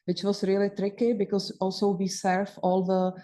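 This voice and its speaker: Steering a panel discussion with measured control, this moderator is a Czech-native woman. She speaks in a mellow, flat, low voice at a measured pace.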